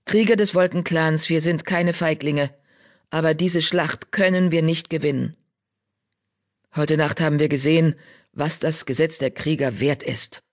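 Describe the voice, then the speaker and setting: A woman's voice: low-pitched, fairly even intonation, measured pace. A proud, grave tomcat leader, put on by a woman narrator. His words come heavy and solemn in a storybook reading. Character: male cat clan leader, grave and proud.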